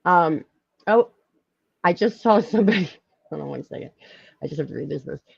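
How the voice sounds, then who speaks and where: A woman with a Philadelphia accent, hosting a casual live-stream chat, talkative and quick to laugh. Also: low-pitched, creaky, slightly rough, no echo, lo-fi sound. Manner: chatty, lively, laughs often, many fillers. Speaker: podcast host.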